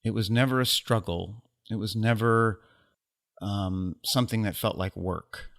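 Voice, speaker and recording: An American man, appearing as a guest photographer in a relaxed interview, talks thoughtfully with dry, self-mocking humor and pauses full of "um." His voice is fairly low and steady, with some vocal fry and a fairly bright quality.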